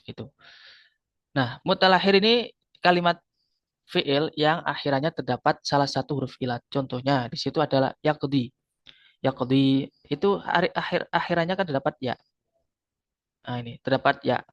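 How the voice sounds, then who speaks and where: A man teaches a grammar lesson in a fairly high voice. He explains patiently, repeats each term and quizzes his students. The sound is dull and lo-fi, with a dry, close feel. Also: normal speed, long pauses, a bit bright, dry recording.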